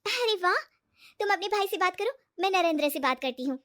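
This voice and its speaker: Woman doing a bright, trusting young wife. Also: very high voice, lively intonation, a little fast, pitched above the performer's own voice. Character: cheerful trusting young woman, office worker.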